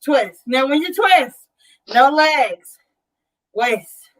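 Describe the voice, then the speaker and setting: High-pitched woman aerobics instructor calling counts. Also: lively intonation, extremely slow, a bit bright. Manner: directive, encouraging. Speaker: fitness instructor. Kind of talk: live aerobics workout instruction.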